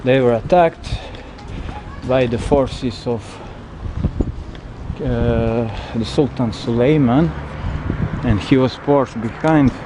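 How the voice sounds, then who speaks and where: Halting male vlogger in loud outdoor wind. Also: mid-range voice. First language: not English. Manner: halting, hesitant non-native English with searching pauses. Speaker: travel vlogger, tour guide. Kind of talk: unscripted walking city tour commentary. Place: outdoors on windy city streets by a river.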